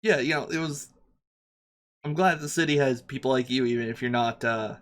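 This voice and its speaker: A man voicing a friendly male taxi driver in a tabletop role-play, halting and folksy. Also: mid-range voice, natural voice. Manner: halting, folksy, fumbling for words.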